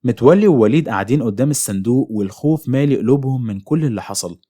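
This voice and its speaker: A man's voice: medium pitch, expressive, rapid-fire, warm tone. A man with an Egyptian Arabic accent narrating a horror story in a suspenseful storytelling manner.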